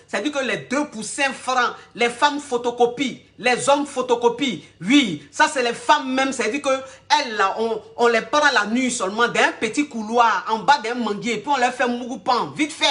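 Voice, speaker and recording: A woman's voice: a little high, normal speed, hardly any pauses, a bit bright, roomy sound. A woman, coaching callers on a live stream in a crude, teasing, repetitive way and often laughing. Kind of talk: livestream advice chat.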